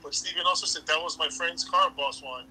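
A man's voice: fairly high pitch, fairly quick, sharp tone, a little hiss or hum, low-quality recording. A man hosting a casual livestream chat, telling stories and laughing often. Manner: storytelling, laughs often, says bro, Hawaiian pidgin touches. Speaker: livestream host.

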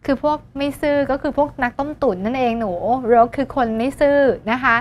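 High-voiced lively woman teacher. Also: fairly quick. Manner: lively, asks students questions and answers them herself; mixes English words into her talk. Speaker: English teacher. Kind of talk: exam-prep lesson.

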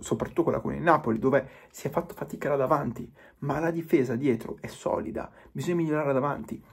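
A man's voice: mid-range voice, creaky, husky. A man giving an impassioned football fan monologue, emphatic and repetitive, pleading with his viewers. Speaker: football commentator.

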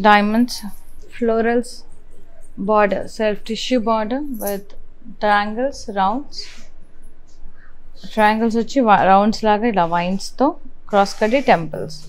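A woman with a Telugu accent hosts a live retail sale. Her voice sits at an average female pitch. She goes through each item feature by feature, in brief, clipped phrases like a working shop presenter. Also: darkish tone, poor audio. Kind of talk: live sales presentation, listing product details.

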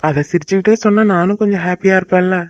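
A man voicing a fast-talking cartoon husband. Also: high voice, no room sound, highs cut off, close to an everyday voice. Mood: calm. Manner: fast, scolding then soothing. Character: young husband, fretful but soothing.

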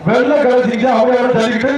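A very high-pitched man calls the action through a loudspeaker PA, repeating short excited cries. His voice rings from far away across an open arena, bouncing with heavy echo. A roaring crowd and loud noise fill everything behind him. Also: racing. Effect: booming through a loudspeaker PA. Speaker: event announcer. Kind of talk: live bull-taming event commentary. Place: outdoor arena. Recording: echoey distant PA with a loud crowd.

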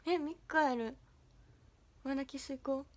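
The voice of this young livestream host sits high, and she keeps a steady tone and takes her time. As an idol chatting with fans, she's playful and shy, giggling while reading their comments aloud.

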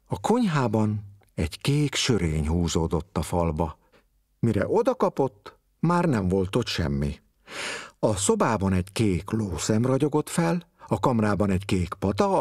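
A man reading a literary story aloud with expressive, varied storytelling. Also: sits low, dry recording, studio quality.

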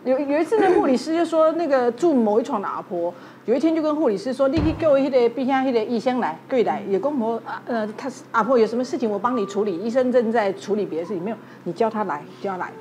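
A woman's voice: on the high side, lively intonation, fast, hardly any pauses, darkish tone, a little hiss or hum. A woman with a Taiwanese Mandarin accent, a doctor guest on a TV talk show, telling a hospital story in a chatty way and imitating the people she quotes.

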